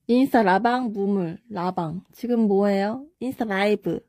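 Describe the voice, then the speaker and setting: A young woman casually chatting on a live stream, reading viewer comments aloud and answering quick either-or questions. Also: medium pitch, darkish tone, no room sound, clean studio sound.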